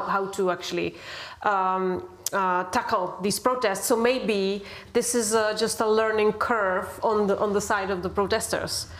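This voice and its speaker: A woman journalist hosts a public panel debate, thinking aloud as she goes. Her delivery is halting and full of fillers, and her pitch stays flat and even. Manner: reflective, halting, many fillers.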